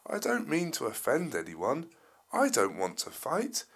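A man voicing a small, gentle, nervous male pink elephant in a children's story, speaking meekly in a raised voice. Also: medium pitch, huge pitch swings, measured pace, husky, voice pushed up, exaggerated voice. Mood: meek worried. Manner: meek and pleading.

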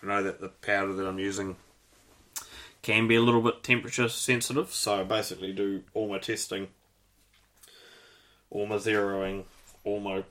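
A man's voice: fairly low pitch, little pitch movement, normal speed, pauses often, fairly bright tone. A man chatting casually as host, rambling through technical details and swearing now and then. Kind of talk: casual chat.

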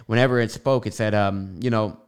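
A young man with a lisp hosts a podcast, talking casually in a rambling monologue packed with fillers and tangents. His voice is fairly low and fairly quick, with fairly even intonation and a clean tone, captured on a studio microphone.

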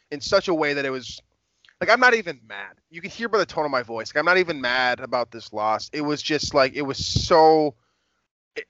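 A man's voice: mid-range voice, fairly bright tone, no room sound, lo-fi sound. A young adult man hosting a sports podcast, talking casually and wryly with many fillers and restarts. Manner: wry, rambling, frequent fillers and restarts. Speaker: podcast host.

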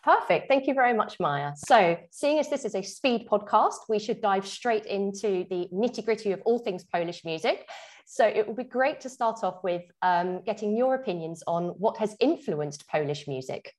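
A woman's voice: medium pitch, expressive, normal speed. A woman hosting an arts podcast, reading a scripted intro and then asking chatty, enthusiastic questions full of fillers. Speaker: podcast host.

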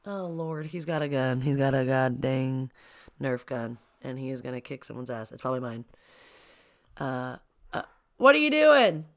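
Woman, podcast host, low voice, gravelly edges, chatty and rambling, home mic. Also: normal speed. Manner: chatty, excitable, rambling with asides. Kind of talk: casual solo podcast chat. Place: home, child playing upstairs. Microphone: sensitive podcast microphone.

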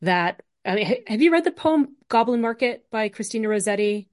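A woman academic being interviewed, explaining things in an animated, colloquial, emphatic way peppered with "like" and "right?". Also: a little high, brisk. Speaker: academic interview guest, literature scholar. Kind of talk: informal scholarly explanation in conversation.

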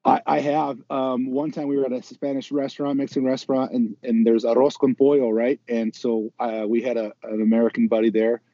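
A man speaks as a podcast guest in a relaxed chat, thoughtful and telling stories as he goes. His voice is very dark and warm. The sound is dry and dull, like lo-fi audio. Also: medium pitch, fairly quick, few pauses, dry recording.

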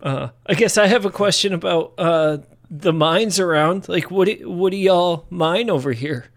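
A man playing a tabletop game, chatting casually in character in a laid-back, halting way. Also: high-pitched. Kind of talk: casual improvised role-play chat.

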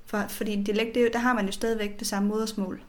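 A woman co-hosting a podcast in casual chat, friendly and relaxed, reading out listener messages. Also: mid-range voice.

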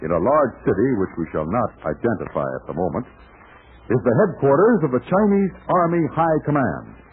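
A man announcing and narrating a 1940s radio serial, eagerly pitching to children. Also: big pitch swings, fairly quick. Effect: old-time radio broadcast sound. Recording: tinny lo-fi 1940s radio recording with faint hiss.

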